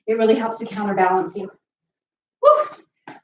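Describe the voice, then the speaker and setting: A high-voiced woman coaches a home workout while doing the moves herself, short of breath as she counts off reps. She sounds a little far from the mic, in an echoey room. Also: expressive, a little slow, slight background noise. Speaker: fitness coach. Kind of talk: live home workout instruction.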